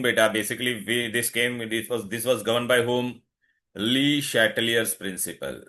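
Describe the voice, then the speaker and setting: A man's voice: medium pitch, sharp tone. A man with an Indian accent teaching an online lesson, insistently asking questions and switching between English and Hindi. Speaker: chemistry teacher.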